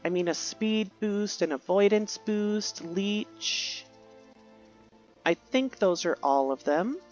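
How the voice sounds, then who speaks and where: A woman's voice: medium pitch, expressive, slow pace, darkish tone, lo-fi sound, soft background music. A woman giving casual, rambling commentary while playing a video game, musing aloud and correcting herself. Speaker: gaming youtuber.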